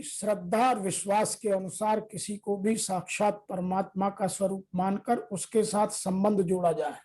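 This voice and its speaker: A woman giving a scripture commentary, deliberately reading translations as measured lists. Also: medium pitch, dark tone, low-quality recording. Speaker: Gita discourse teacher.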